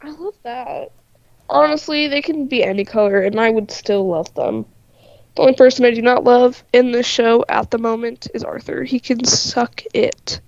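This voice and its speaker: Her voice sits on the high side with a darkish tone, and she talks at normal speed with no room sound. A congested artist with a nasal, stuffy-nosed sound, she casually chats on her livestream, laughing frequently and using "like" constantly, captured in dry, dull lo-fi audio.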